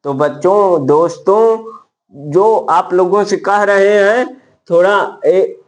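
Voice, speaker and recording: Slow, high-voiced man teaching maths. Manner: slow, repetitive counting, addresses viewers as friends. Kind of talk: casual maths tutorial.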